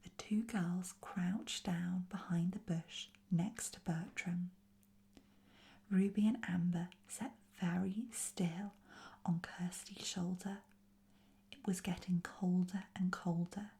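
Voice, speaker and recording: A woman reading a children's story aloud in a soft, soothing whispered role-play. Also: on the low side, fairly even intonation, slow. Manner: softly spoken, soothing.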